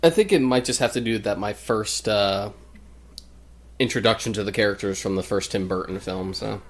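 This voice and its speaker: A man joining a let's play as guest, commenting in a measured, analytical way. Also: on the low side. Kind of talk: casual gameplay commentary.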